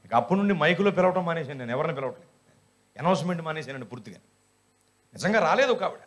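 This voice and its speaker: A male pastor with a high voice preaches with animated humor. He scolds his listeners with rhetorical questions that draw them in. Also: racing. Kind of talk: sermon.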